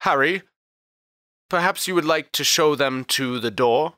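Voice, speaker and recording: Guy doing a huffy little church official, high fussy voice, bright and pushy, jumps up in pitch a lot. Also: measured pace, no echo, clean studio sound. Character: small short-tempered male cleric official, fussy and pompous.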